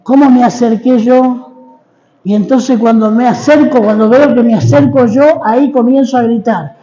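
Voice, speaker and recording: A middle-aged Argentine man delivers a sermon as a personal testimony in a high, dark-toned voice. He speaks slowly and dramatically, pausing to have the congregation repeat after him. The sound is dull and lo-fi, with a long reverb from the church hall. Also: steady tone. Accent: Argentine Spanish. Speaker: guest preacher.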